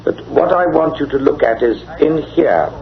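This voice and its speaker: Radio drama, dull vintage sound: obliging police inspector, confident, deliberate, very varied intonation. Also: male voice, on the high side, lively intonation, creaky. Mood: self-assured. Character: Inspector Baines, self-assured, obliging male country police inspector. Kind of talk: old-time radio drama acting.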